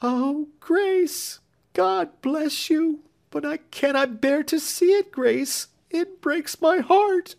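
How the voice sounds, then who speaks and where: A man voicing a grief-stricken young woman, speaking in a high, tremulous, sobbing way. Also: slow pace, gravelly, heavily acted. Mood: heartbroken.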